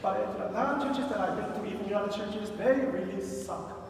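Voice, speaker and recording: A man's voice: sits high, fairly quick, a crowd in the background. A middle-aged man with a Korean accent preaching a sermon in a conversational, storytelling way with wry humor and frequent fillers. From South Korea. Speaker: pastor. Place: large church sanctuary. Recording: distant, echoey church hall.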